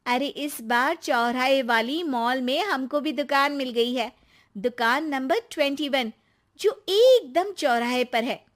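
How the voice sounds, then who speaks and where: A woman voicing a cheerful young daughter-in-law in a cartoon story, who talks in an excited, bragging way. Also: high voice, takes it slowly.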